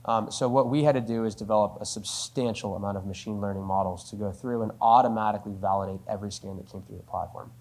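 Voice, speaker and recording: A man's voice: fairly low pitch, steady tone, quick pace, few pauses, a little mellow. A man answering a business question in a conversational Q&A, explaining step by step and often tagging sentences with "right?". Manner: explanatory, uses frequent "right?" tags. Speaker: company spokesperson answering questions.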